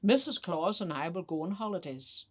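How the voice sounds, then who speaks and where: A woman voicing a fed-up but kindly old male Santa, speaking emphatically with drawn-out words in a children's story. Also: lowish voice, lively intonation. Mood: fed up, resolute.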